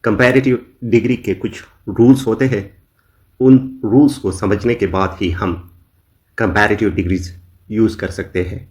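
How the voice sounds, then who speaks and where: A man teaching an English grammar lesson in Urdu, slowly dictating each example phrase by phrase. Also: lowish voice, steady tone, a little mellow. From Pakistan. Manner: slow, deliberate dictation of examples.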